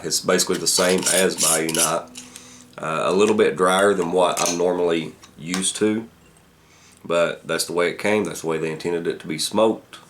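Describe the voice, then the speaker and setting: A man giving a casual product review, halting as he thinks aloud. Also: deep voice, fairly bright tone, a little hiss or hum. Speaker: pipe tobacco reviewer.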